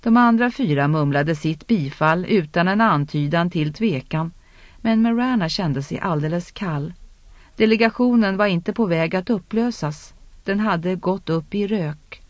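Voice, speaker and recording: An audiobook narrator reading a fantasy novel in a measured, even scripted narration. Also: mid-range voice, no room sound.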